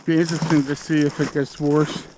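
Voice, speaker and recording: A man's voice: fairly high pitch, level tone, a little fast. A man casually narrating his own hike for a trail vlog, speaking outdoors on a snowy mountain. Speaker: hiker narrating own trek. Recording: noisy outdoor audio with wind.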